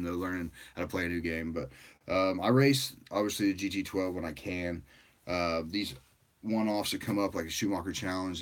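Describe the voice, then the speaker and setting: A tired man hosting a livestream, chatting casually with viewers in a rambling, relaxed way. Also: low-pitched. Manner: rambling and relaxed, with frequent fillers and laughs. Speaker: livestream host.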